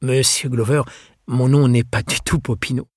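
A courteous young Frenchman, read by a male narrator close to his own voice, polite and a bit hesitant. The tone is husky and the sound is dry and close. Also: mid-range voice, fairly even intonation, moderate pace, no echo, voice pushed up, lightly acted. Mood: polite, puzzled.

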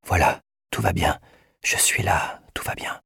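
A man voicing a stern young soldier in a storybook reading, with a low, firm voice that turns soft and hushed. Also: fairly quick, husky, dry recording, studio quality. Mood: gentle, hushed. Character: stern young male soldier, harsh in public, tender in private.

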